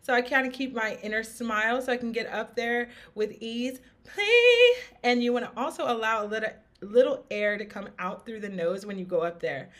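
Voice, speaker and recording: A woman's voice: a little high, fairly even intonation, a little fast, hardly any pauses, a bit bright. A woman vocal coach giving an upbeat, encouraging singing lesson, singing short examples between explanations. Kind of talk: singing lesson with sung demonstrations. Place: home studio podcast.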